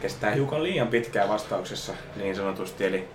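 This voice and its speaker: A man's voice: on the low side, background noise. Young guy hamming up a bar story, cussing a lot, roomy echo. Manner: animated, acts out quotes, swears a lot. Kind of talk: casual storytelling chat. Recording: echoey room.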